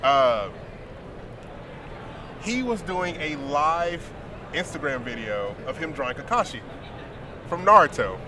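A man with a slightly high voice chats casually as a podcast co-host, using loose, slangy phrasing. The busy convention hall is clearly audible as noise around him. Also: big pitch swings, takes it slowly, long pauses. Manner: slangy and laid-back in wording. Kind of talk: casual chat. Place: busy convention show floor. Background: loud convention hall ambience.

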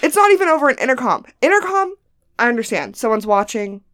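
Woman comedian from the US, podcast co-host, lively storyteller, smooth clear voice, dry close mic. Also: a little high, fast talker, no echo. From United States. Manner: animated storyteller, acts out quotes. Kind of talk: casual chat.

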